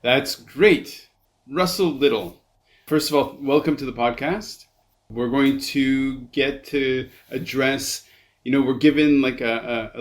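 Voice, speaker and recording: A man hosting a podcast in casual chat, halting and repeating words as he thinks. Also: medium pitch. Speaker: podcast host.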